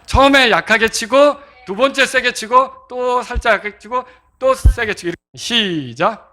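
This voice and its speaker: A man's voice: extremely high pitch, moderate pace, pushed and bright. A male pastor giving an interactive sermon lesson on hymn rhythm, asking the congregation questions and sounding out beats. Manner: interactive, asks congregation to clap and answer; sings out beats to demonstrate rhythm.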